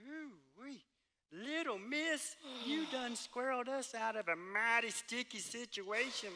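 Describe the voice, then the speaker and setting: A woman in a church drama playing a nervous, soft-hearted male outlaw who stammers in a drawl. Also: on the high side, measured pace, a crowd in the background, lightly acted. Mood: relieved.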